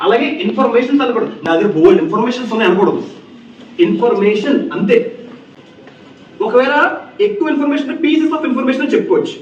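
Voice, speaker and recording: A man's voice: very high voice, slight background noise. A male English grammar teacher in a classroom, repeating key points and firing questions at his students. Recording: echoey, distant, dull classroom recording.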